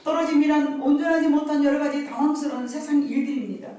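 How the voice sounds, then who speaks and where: A woman's voice: high-pitched, steady tone, quick pace, warm tone. A middle-aged woman pastor preaching a live Sunday sermon in an emphatic, folksy storytelling way, drawing responses from the congregation. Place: church sanctuary during worship. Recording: very echoey church hall, distant mic, faint noise.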